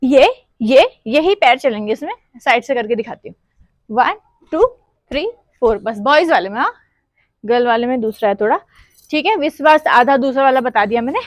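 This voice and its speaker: A woman's voice: a little high, expressive, a little fast, no room sound. A woman teaching a dance class step by step, counting beats aloud and half-singing song lines as she demonstrates.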